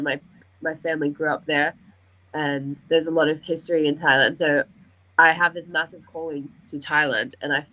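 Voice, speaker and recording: A young woman, a guest artist, chatting in a bubbly, expressive way. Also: sits low, low-quality recording. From Australia. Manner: bubbly, expressive, says "like" a lot. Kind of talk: casual chat.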